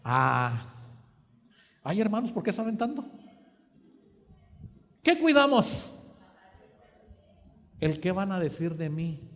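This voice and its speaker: A man preaching a sermon, asking the congregation to finish his sentences, moving between quiet and emphatic. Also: sits high, big pitch swings, slow, creaky, pauses often. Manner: asks the congregation questions for them to fill in. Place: church hall. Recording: long church hall reverb.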